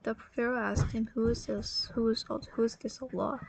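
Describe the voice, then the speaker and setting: A tired woman telling a religious story in a casual, halting way, often correcting herself. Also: on the high side, steady tone, creaky, background noise. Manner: halting, self-correcting, apologetic.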